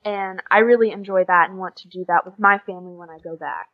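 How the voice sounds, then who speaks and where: Chatty and animated, a young adult woman from the USA appears as a podcast guest and exchange student, recounting stories with quoted dialogue and lots of giggling. Her voice is lowish and fast, captured in slightly dull, lo-fi audio during a casual interview.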